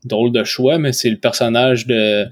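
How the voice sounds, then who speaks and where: A man's voice: medium pitch, fairly even intonation, normal speed, no echo, studio quality. A man with a Québécois French accent co-hosting a casual chat, talking informally with slang and some English words. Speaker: podcast co-host. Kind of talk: casual chat about a TV series.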